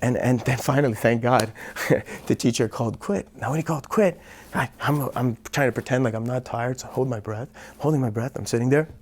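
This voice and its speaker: A man in his thirties, a martial arts teacher, telling a lively story as an interview guest. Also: medium pitch, brisk, a little hiss or hum. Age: 30s. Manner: lively, builds up the tension of the story. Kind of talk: animated storytelling.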